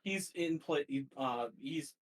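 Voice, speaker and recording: A man running a tabletop game as game master, answering players in a relaxed way and now and then letting a villain boast. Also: on the high side, takes it slowly, rough recording.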